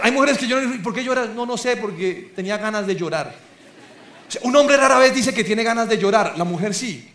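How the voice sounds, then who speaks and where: A high-pitched man preaches a lively, humorous sermon to his congregation, tossing questions at the listeners. His voice rings through an echoey church hall. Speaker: pastor.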